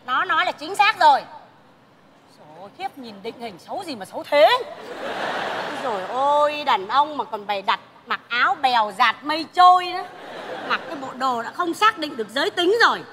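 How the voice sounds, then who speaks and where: A woman's voice: high voice, expressive, brisk, crowd noise. A woman playing a bossy, mocking mother in a stage comedy sketch, scolding and teasing. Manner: scolding and teasing, laughing at her own jabs. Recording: reverberant theater hall, faint noise.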